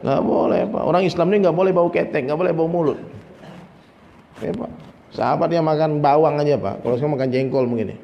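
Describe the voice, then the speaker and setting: A man from Indonesia's region, giving a lively, humorous sermon to an audience. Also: a little high, a little fast, vocal fry, highs cut off, slight background noise. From Minangkabau, Indonesia. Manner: lively, humorous preaching, often addressing listeners. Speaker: preacher. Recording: long reverb, faint ambience.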